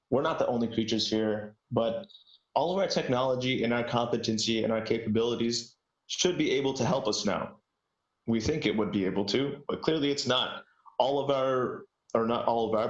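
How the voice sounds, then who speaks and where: A man on a podcast panel giving a loose, conversational answer. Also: medium pitch. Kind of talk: casual unscripted discussion. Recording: roomy, dull lo-fi sound.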